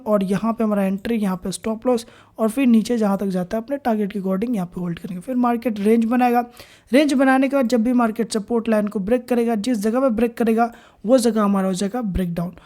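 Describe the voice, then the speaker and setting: A woman teaching a beginner trading lesson over charts, explaining step by step with frequent pauses and restarts, with terms. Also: fairly high pitch, mellow. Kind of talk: screen-recorded chart lesson.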